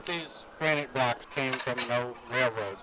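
A man's voice: medium pitch, unhurried. Middle-aged guy answering questions outside, keeps agreeing, bit of hiss in the air. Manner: agreeable, repeats words when starting. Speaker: recycling business owner. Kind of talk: on-site interview. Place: outdoors at a recycling yard.

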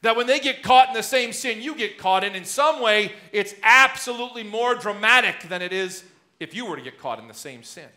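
A man in his thirties preaching a sermon in a church sanctuary, his loudness rising and dropping as he gestures. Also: high-pitched, expressive, brisk. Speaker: pastor. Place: church sanctuary before the altar.

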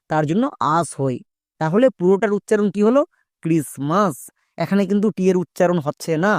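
Deliberate Bengali-speaking pronunciation teacher. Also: medium pitch, darkish tone, no echo, clean studio sound. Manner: spells out words letter by letter, slow and deliberate; quizzes viewers with rhetorical questions. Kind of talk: online pronunciation lesson.

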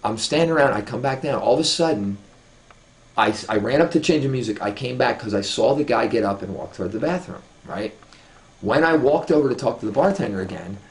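A man with a gravelly, creaky voice spins a story in casual talk, swearing freely and circling back with restarts and asides. His pitch sits at an ordinary middle level for a man. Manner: profane, rambling with many restarts.

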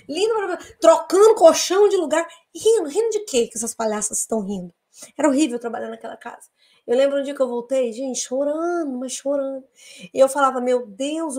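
Brazilian woman host, high voice, blunt and emphatic live talk. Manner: blunt, emphatic, swings between loud outbursts and quiet asides. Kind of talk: casual live talk to followers.

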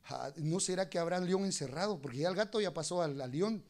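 A man preaching a sermon in church, animated, moving between soft asides and loud exclamations, sometimes speaking fast. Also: high voice. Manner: talks fast at times.

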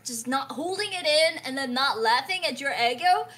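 A woman's voice: high-pitched, moderate pace. A young woman with a Korean accent, a livestreamer chatting in a playful, teasing way. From South Korea. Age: young adult. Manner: animated, teasing. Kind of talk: casual playful livestream banter. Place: indoor room at home.

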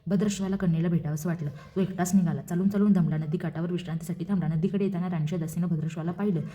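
Female storyteller, rapid rhythmic reading of a devotional tale, dark tone. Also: on the low side, fairly even intonation. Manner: brisk rhythmic recitation.

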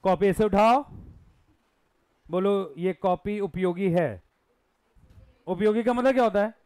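A man's voice: high voice, a little slow, a little mellow, smooth. A male teacher giving a live classroom lesson, questioning and coaxing his students while mixing Hindi and English.

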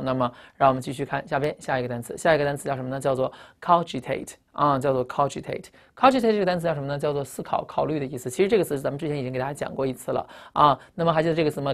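A woman teaching English vocabulary, spelling out words letter by letter and often asking students whether they remember earlier words. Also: a bass voice. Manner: ends phrases with the particle "啊". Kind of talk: recorded vocabulary lecture.

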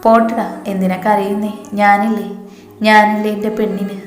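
A woman voicing a fierce, protective young man who is gentle with the woman he loves, in an echoey room. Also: medium pitch, flat delivery, normal speed, close to an everyday voice. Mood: tender. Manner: tender toward his beloved, harsh toward foes.

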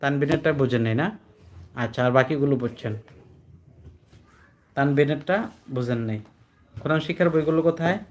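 A man with a slightly raised pitch speaks in to a classroom of adult learners, teaching Quran recitation. He explains each rule more than once and keeps checking that they follow. When he recites examples he slows to a drawn-out chant. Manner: patient, repetitive, checks understanding with questions; chants recited words slowly, drawing out syllables. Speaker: addressed as hujur by students.

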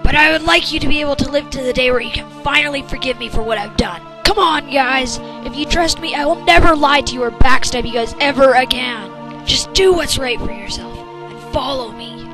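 A woman playing an earnest, defiant soldier in an animated fan drama, firm and pleading. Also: sits high, fairly quick, few pauses, music in the background, natural voice.

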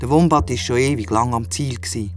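A man's voice: mid-range voice, fairly quick, soft background music. A man with a Swiss German accent narrating a children's audio drama in a playful, chatty way with little asides.

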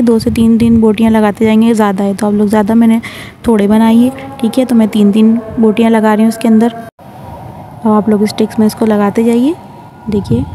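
Hosting a cooking channel, this woman voices over a home recipe tutorial, guiding viewers step by step in a chatty style and frequently saying "theek hai." Her voice is a little high and warm, with a bit of hiss or hum.

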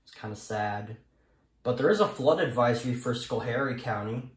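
Here the hobbyist video maker, a young American man, has a medium-pitched, expressive voice at normal speed. He films an unscripted show-and-tell on a phone in his own hand, rambling casually with hesitations and repetition. The small home room gives the recording an echo, and the camera is handheld.

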